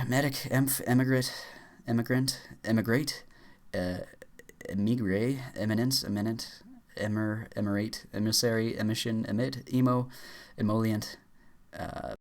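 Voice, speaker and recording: A man with a lowish voice races through a spoken word list, one entry after another. He trips over words now and then, breaks off mid-word and restarts, filling gaps with quick uh sounds. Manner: rushed, stumbling with frequent uh fillers and restarts. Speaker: YouTuber. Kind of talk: rapid-fire reading aloud of a word list.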